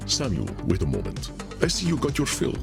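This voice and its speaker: A courteous ancient vampire for a game, speaks in a formal, unhurried manner. His very deep voice has a gravelly edge and swings widely in pitch. Game music plays beneath. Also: huge pitch swings, heavily acted. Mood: composed. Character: ancient formal male vampire club host.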